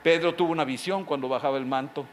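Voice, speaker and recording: Middle-aged preacher, slightly high voice, emphatic sermon full of rhetorical questions, faint background noise. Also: male voice, quick pace. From Mexico. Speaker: pastor.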